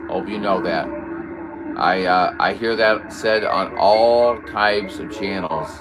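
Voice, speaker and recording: A man's voice: deep voice, takes it slowly, over music. A man hosting a casual livestream, chatting and bantering in a folksy, wry way. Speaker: livestream host. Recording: clearly noisy background. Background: radio chatter.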